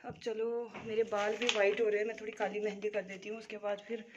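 A woman's voice: medium pitch, little pitch movement, fast talker, highs cut off. A woman from Uttarakhand chatting casually to her phone camera as she walks along an outdoor road, teasing the people she meets. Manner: chatty, teasing, talks to the camera while walking. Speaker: vlogger. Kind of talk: casual walking vlog chat. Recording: noisy outdoor street sound.

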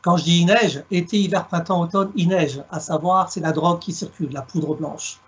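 The speaker is a middle-aged man from Alsace in France, a guest storyteller giving a reflective talk on a video call from his home, wearing a headset. His voice is a little high and husky, heard through a muffled recording. He is measured and thoughtful, and he plays on words.

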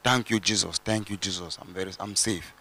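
A man's voice: low voice, steady tone, brisk, sharp tone. A young man from Cameroon giving an earnest church testimony with hesitations, speaking into a handheld mic on a large indoor stage.

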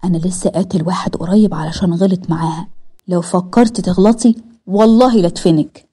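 A woman with an Egyptian accent voicing a cold, scheming young man who speaks in a low, hushed, threatening way. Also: quick pace, breathy edge. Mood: menacing hush. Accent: Egyptian Arabic.

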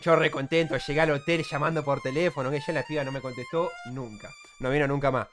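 A man's voice: fairly high pitch, fast, soft background music. A young man in his twenties with an Argentine accent, a streamer telling a crude, self-mocking story to his chat with lots of slang. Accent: Argentine Rioplatense Spanish. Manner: animated, crude slangy banter, laughs at himself.

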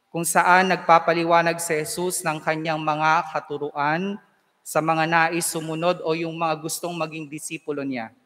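A Filipino priest with a fairly high voice proclaims and preaches in a measured, solemn manner. His words ring out in a large church, trailing a long cathedral echo behind each phrase. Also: fairly bright tone. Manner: measured, solemn delivery with conversational asides. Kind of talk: proclaiming the Gospel and preaching a homily.

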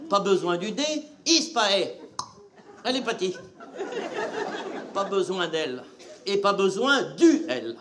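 A man, a comedian on stage, doing a wordplay sketch, shouting and drawing out words for comic effect. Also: sits high, animated, a little slow, long pauses. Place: theater stage before a laughing audience. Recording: live stage recording with crowd noise.

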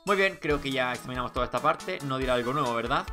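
Lady doing a chill game playthrough, low voice that moves around a lot, music behind. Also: lively intonation, quick pace. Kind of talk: casual playthrough with read-out dialogue.

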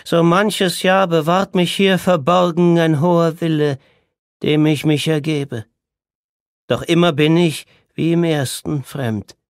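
A man's voice: moderate pace, no echo, studio quality, close to an everyday voice. A man voicing an agitated, theatrical male psychiatric patient in an audiobook, declaiming and mocking in a raised voice. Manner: declaiming, mocking, pitched up excitedly. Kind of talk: audiobook character reading.

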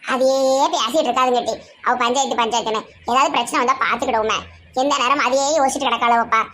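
A woman's voice: on the high side, steady tone, fast talker, fairly bright tone, a little hiss or hum. A woman with a Tirunelveli Tamil accent, chatting and teasing in a village comedy sketch.

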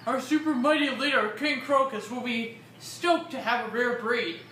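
A woman's voice: a little high, normal speed, fairly bright tone, faint music behind, close to an everyday voice. A woman voicing a laid-back, dim talking flower from a video game, in casual dude slang. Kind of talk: reading video game dialogue aloud. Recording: roomy, distant mic, faint noise.

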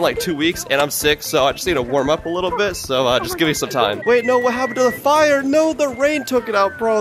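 A young man giving excited, casual commentary while playing a video game, often tossing in slang like "bro". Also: on the high side. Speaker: gaming video creator.

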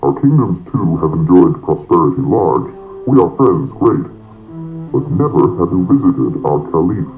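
Voice-changer effect, male desert messenger, deep, inverted word order, faint music behind. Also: big pitch swings, moderate pace. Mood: formal. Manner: backwards word order, cryptic and formal. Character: male desert envoy, formal, odd inverted speech. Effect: processed as if through a voice changer. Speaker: game character. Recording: tinny lo-fi game audio with faint music.

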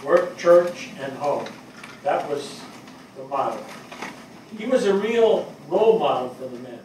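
An older man on stage gives a conversational dramatic reading as a fire captain from New York, earnest and plainspoken, reminiscing fondly in a halting, colloquial, emphatic way. His voice is a little high, animated and slightly mellow. It's recorded from afar in an echoey hall with audible noise.

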